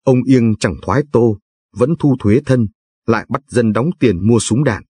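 A man's voice: medium pitch, unhurried, a little mellow, slightly rough, dry recording. A man voicing an elderly male official who speaks in a plaintive, complaining way. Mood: aggrieved.

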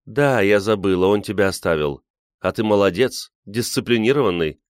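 A man reading an audiobook, voicing a sharp-tongued, bitter young woman who mocks her friends. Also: fairly low pitch, normal speed, clear, resonant tone, no room sound, clean studio sound, natural voice. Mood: mocking. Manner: mocking, biting.

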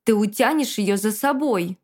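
A woman's voice: mid-range voice, normal speed, a little mellow, close to an everyday voice. A woman voicing a stern female necromancer healer who speaks harshly and firmly. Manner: harsh, firm.

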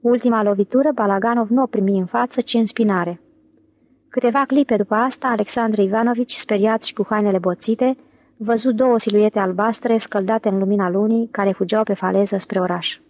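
A woman narrating an audiobook in a steady, even reading. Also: medium pitch, dry recording. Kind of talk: scripted narration.

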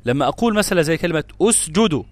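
A man's voice: on the high side, lively intonation, rapid-fire, no room sound. A man with an Egyptian Arabic accent teaching tajweed, stressing example words and asking and answering his own questions. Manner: switches between classical Arabic and colloquial asides. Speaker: Quran recitation teacher. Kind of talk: tajweed lesson explaining grammar rules.

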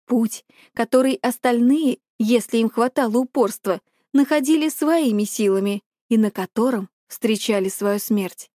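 Woman reading a dark myth story, kinda high voice, dry close sound, calm. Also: unhurried, few pauses, no echo. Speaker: audiobook narrator. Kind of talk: first-person storybook narration.

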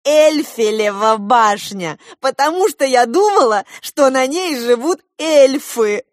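A woman's voice: high-pitched, lively intonation, no echo, clean studio sound, pitched above the performer's own voice. A woman reading an audiobook, voicing an earnest eleven-year-old girl who asks questions insistently. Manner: insistent, presses questions slowly.

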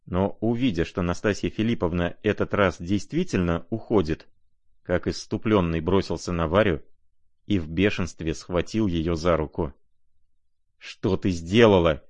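A man narrating a classic novel as an audiobook, in a measured, expressive reading. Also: low-pitched, no echo.

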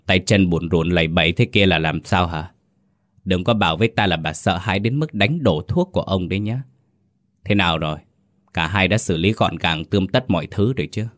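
A man's voice: sits low, a little fast, fairly bright tone. A man voicing a cruel, scheming second wife of a landlord, giving cold and contemptuous orders in a storybook tale. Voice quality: cold, hissing threats. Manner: contemptuous, commanding.

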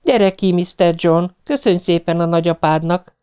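A man reading an audiobook aloud and voicing an exasperated, sharp-tongued middle-aged wife with a raised, scolding voice. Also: clean tone, lightly acted. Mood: coaxing. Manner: scolding, shrill when angry.

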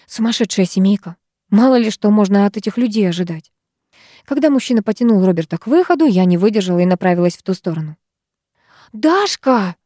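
Woman reading a novel aloud, mellow voice. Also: quick pace, no room sound, clean studio sound. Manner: lively, raising pitch for the heroine and her friends. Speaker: audiobook narrator. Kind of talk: audiobook reading with character voices.

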